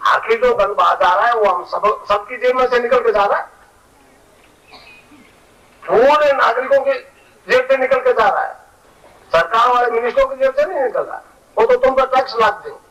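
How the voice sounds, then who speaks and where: A man's voice: very high-pitched, normal speed, pauses often, a bit bright. A man giving an earnest preaching talk as a spiritual teacher, repeating key phrases. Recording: voice heard from a distance.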